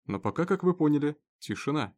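A man voicing a level-headed deputy who urges calm in a pleading tone. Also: fairly high pitch, brisk, pitched above the performer's own voice, natural voice. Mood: urgent. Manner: urgent, pleading reason.

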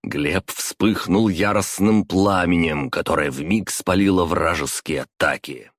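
A man narrating a fantasy audiobook in a steady, measured way. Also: sits low, no room sound, clean studio sound.

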